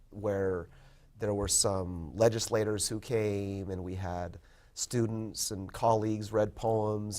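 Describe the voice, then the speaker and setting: A man in his fifties, a poet and professor, talking in a casual interview, thoughtful and modest, pausing often with ums and restarts. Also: fairly low pitch, a little mellow. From born in Korea, raised in California. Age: 50s. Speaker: poet and college professor, guest.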